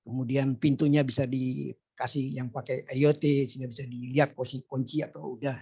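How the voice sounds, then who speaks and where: Hoarse husky guy explaining stuff in a meeting, lots of ehs, muffled audio. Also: medium pitch, flat delivery, brisk, mellow. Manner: explanatory with frequent hesitations. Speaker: participant asking a question. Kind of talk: casual discussion talk.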